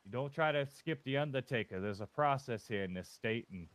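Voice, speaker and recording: A man's voice: medium pitch, lively intonation, brisk, fairly bright tone, no echo. A man playing a rambling, folksy, boastful undertaker in a western role-play over voice chat. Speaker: roleplayer as undertaker.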